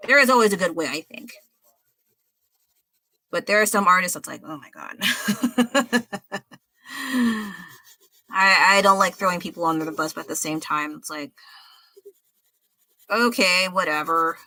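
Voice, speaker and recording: A young woman chats through an art livestream, blunt and chatty, laughing at her own stories as she draws. Her voice is bright and a little sharp. The sound is dry and close, with no room around it. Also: fairly low pitch, normal speed, long pauses, no echo. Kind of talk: casual chat while drawing.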